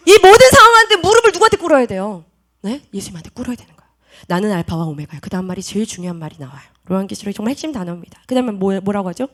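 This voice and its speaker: A woman youth pastor preaching a sermon to students, animated, asking questions and calling on them by name. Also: medium pitch, very fast.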